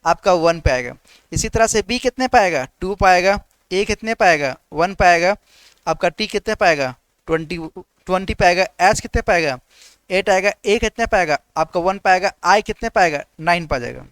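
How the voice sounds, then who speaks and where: Man, reasoning teacher, high smooth voice, dry close sound, call-and-response drilling. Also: expressive, a bit bright, dry recording. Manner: rapid call-and-response drilling, asks letter values and answers himself; repeats "ठीक है" as a filler. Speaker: reasoning teacher for government exams. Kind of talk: online exam-prep class.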